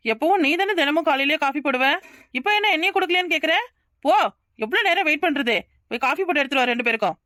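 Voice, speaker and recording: A quarrelsome young wife from a cartoon family drama. She talks fast and high, firing off sarcastic retorts and complaints. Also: lively intonation, pushed and bright. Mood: bossy. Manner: bickering, sarcastic, quick retorts. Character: young wife, sharp-tongued and lazy. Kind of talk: cartoon voice acting.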